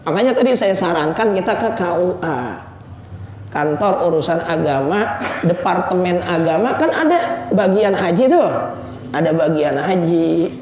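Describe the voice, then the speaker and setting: A man preaching, telling stories with jokes and loud emotional peaks. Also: high voice, sing-song, a little slow, background noise. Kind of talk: informal religious study talk. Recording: echoey room, dull lo-fi sound.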